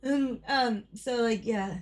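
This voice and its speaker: A woman with a hoarse voice, chatting casually and excitably on a game stream, repeating phrases as she goes. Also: a little high, slow. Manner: swears casually. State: hoarse from coughing. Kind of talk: casual live-stream chat.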